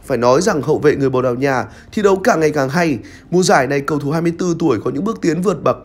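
A man's voice: a little high, a little mellow, slightly rough. Young man narrating a football review. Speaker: football commentator. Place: red studio set with screens. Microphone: lavalier mic on shirt.

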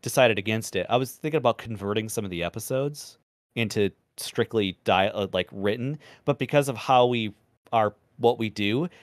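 A former radio man speaks in a low, resonant voice pushed from the diaphragm. His delivery is measured and deliberate even in loose podcast chat, with casual swearing. The recording is dry and close, with no room sound. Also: no room sound.

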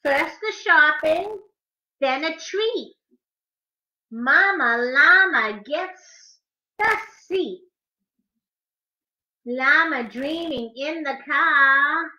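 Her high voice is bright and forceful as this middle-aged woman hosts a preschool storytime at home, speaking and reading in an expressive, emphatic sing-song. She goes very slowly and pauses often. A webcam or laptop at arm's length records her, and the living room sounds echoey while the audio is dull.

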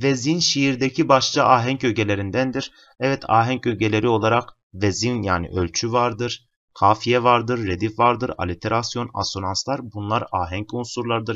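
A man's voice: medium pitch, lo-fi sound. A male teacher working through literature exam questions step by step, calling his students friends. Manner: steady explanatory, addresses students as friends.

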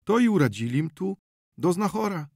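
A man voicing an anxious male village peasant who loudly and urgently retells an accident in an audiobook. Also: high voice, big pitch swings, moderate pace, vocal fry, dry recording, clean studio sound, pitched above the performer's own voice, heavily acted. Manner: loud, urgent, breathless retelling.

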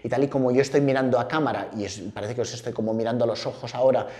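A man, hosting a casual video lesson to camera in a playful, lively way. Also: racing. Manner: lively, playful, jumps to high excited pitch. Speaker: host and language teacher.

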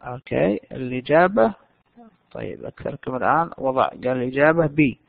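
A man's voice: medium pitch, lively intonation, brisk, creaky, no echo. A man teaching an online English lesson, explaining step by step and answering his own questions. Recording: dry tinny phone-like line.

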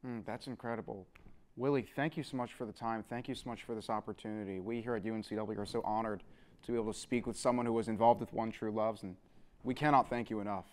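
A man's voice: lowish voice, steady tone, fast talker. A man interviewing a guest and thanking him effusively. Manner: effusively grateful. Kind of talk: interview sign-off.

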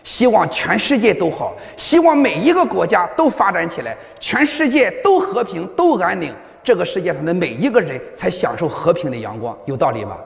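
A man's voice: high voice, big pitch swings, fairly quick, gravelly, few pauses. Emphatic male lecturer in a reverberant hall. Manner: emphatic, rhetorical questions to the audience. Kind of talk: public lecture.

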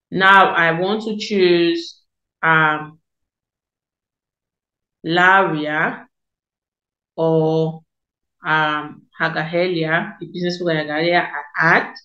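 A young Cameroonian woman, working as an education consultant and tutorial host, guides viewers through an online application form in a screen-recorded tutorial. Her voice is on the low side, pushed and bright. She explains each step, repeating key points and using many fillers, in an echoey room.

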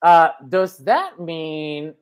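A man's voice: fairly high pitch, sing-song, drawn-out words, clear, resonant tone. Playful Spanish-accented male host. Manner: playful, rambling, theatrical. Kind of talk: casual chat show.

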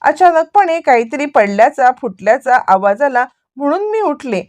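A woman's voice: sits high, very animated, normal speed, a little mellow. A woman voicing a scheming young woman who feigns innocence and sweet concern while hiding spite. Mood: feigned concern. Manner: sweetly false, then spiteful.

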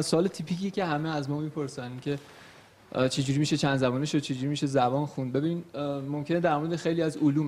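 A young man, a multilingual tour guide, explaining language learning in a relaxed chat with plenty of fillers and everyday examples. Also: on the high side. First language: Persian. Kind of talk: casual studio chat.

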